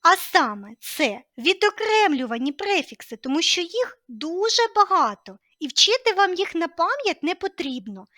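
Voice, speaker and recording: High, lively woman teaching a language lesson. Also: moderate pace, few pauses, dry recording, studio quality. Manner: clear, patient explaining with lively emphasis.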